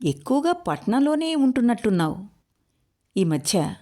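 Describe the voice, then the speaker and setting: A woman reading a story aloud, voicing a gentle, pitying old village man. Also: on the high side, very animated, normal speed, voice pushed up. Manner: soft, pitying speech.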